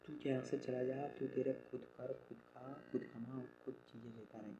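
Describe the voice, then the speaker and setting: Young guy venting on his vlog, gravelly low-toned voice, kinda dull lofi audio with faint background noise. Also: flat delivery, normal speed, warm tone. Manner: venting, frustrated and hurt, many fillers. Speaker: vlogger. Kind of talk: personal vlog confession. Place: rural home with farm.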